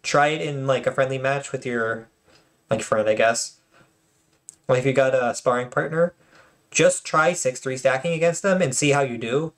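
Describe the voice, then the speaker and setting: A man's voice: medium pitch, normal speed. A man hosting his own channel and commenting casually on tournament replays, chatty and joking, with lots of fillers and restarts.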